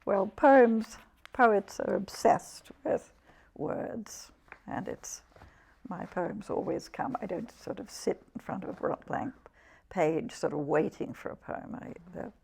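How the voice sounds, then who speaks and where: A woman in her eighties from England, a poet talking haltingly about her life and reading her own poems in an interview. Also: mid-range voice, expressive, vocal fry, a little mellow, husky. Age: 80s. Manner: halting, restarts often, vivid when reading. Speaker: poet guest.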